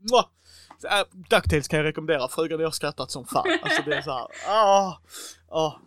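A man's voice: on the high side, no echo. A man in a casual chat, talking enthusiastically and acting out little quotes as he goes. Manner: enthusiastic, animated, quotes himself and others in little acted bits. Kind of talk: casual chat about TV series.

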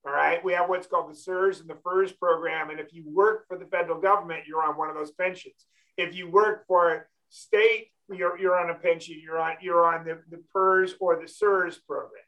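A man's voice: a little high, fairly even intonation, normal speed, a bit bright, muffled recording. A man hosting a financial talk show, blunt and emphatic, often checking in with "okay?". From California. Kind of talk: casual talk show chat.

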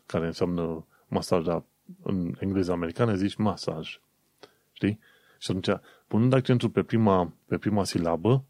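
A man's voice: low-pitched, mellow, dry recording. A young man from Romania, chatting casually as a host, thinking aloud with fillers and self-corrections. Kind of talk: casual commentary.

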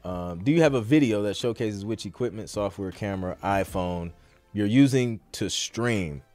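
A podcast host and music producer runs a casual livestream Q&A on music production, talking in a slangy, informal, conversational way. His voice is on the low side and a little mellow, at a moderate pace, with no echo.

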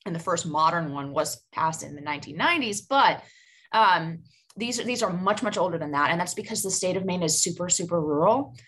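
A woman with a husky, slightly low voice explains background on a podcast panel. She starts some phrases hesitantly before settling into her explanation. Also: expressive, a little fast, a bit bright. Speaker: podcast co-host.

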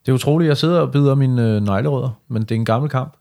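A man's voice: mid-range voice, creaky, a little mellow. A man chatting casually on a podcast in short, colloquial remarks. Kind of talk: casual chat.

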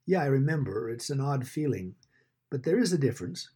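A man's voice: medium pitch, very animated, a little fast, dark tone, husky. A man co-hosting a podcast, asking questions in a conversational interview style.

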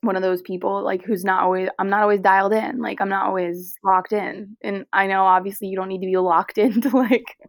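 A woman's voice: mid-range voice, a little fast, few pauses, dry recording. A young woman chats on a podcast, telling a story with loads of fillers and playing out what everyone said. Her voice sits mid-height. The sound is dry and close to the mic. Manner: chatty, animated, lots of "like", acts out quoted voices. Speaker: podcast co-host. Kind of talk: casual chat, storytelling.

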